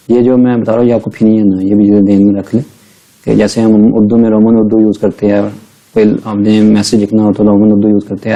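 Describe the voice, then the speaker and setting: A man gives a recorded language lecture, saying each sound over and over in patient drills. His voice sits low and very dark, with a flat, even delivery that barely rises or falls. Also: poor audio. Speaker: language teacher.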